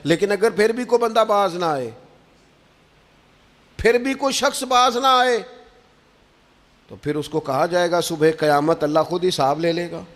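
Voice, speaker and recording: A man delivers a sermon in a high-pitched voice. His delivery rises and falls with emphatic preaching cadence. The recording carries a long hall reverb. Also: unhurried, long pauses, fairly bright tone.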